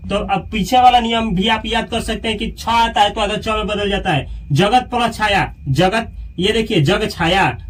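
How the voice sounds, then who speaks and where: A man's voice: high-pitched, a bit bright, distant mic. A male teacher giving a step-by-step grammar lesson, repeating key points and constantly pointing things out. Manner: repetitive, explains step by step with frequent "dekhiye".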